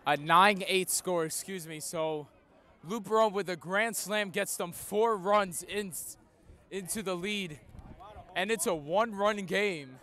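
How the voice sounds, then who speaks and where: A man doing live play-by-play baseball commentary outdoors like a radio announcer, with drawn-out, emphatic calls. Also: high voice, sharp tone. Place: outdoors at a school baseball field.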